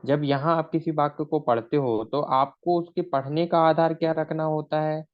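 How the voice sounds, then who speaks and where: A man's voice: fairly high pitch, steady tone, normal speed, muffled recording. A male shorthand teacher in a recorded lesson. He explains step by step, asks his own questions and answers them, and mixes English words into his speech.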